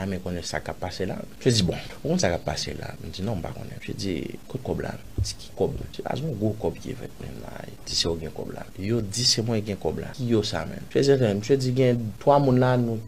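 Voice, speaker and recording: A man with a Haitian accent, an interview guest recounting a personal story, acting out other people's lines with sudden loud jumps and dropping to murmurs. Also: a little hiss or hum. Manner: animated, acts out others' lines in raised voice; drops to low murmurs and whispers.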